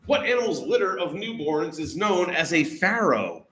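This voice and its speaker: A man's voice: on the high side, big pitch swings, moderate pace, fairly bright tone. A man hosting live bar trivia, reading out questions, cracking jokes and swearing freely. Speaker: trivia host.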